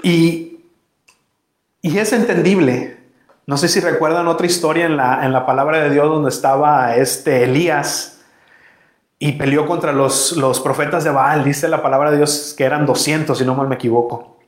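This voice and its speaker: A man's voice: fairly high pitch, steady tone, moderate pace, roomy sound. A man preaching a sermon as a pastor, talking conversationally and asking his congregation questions.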